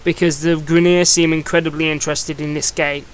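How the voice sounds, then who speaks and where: A man's voice: on the high side, flat delivery, a little fast, a little hiss or hum. A young man giving a casual video review, rambling and chatty, often restarting his sentences. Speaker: comic book reviewer.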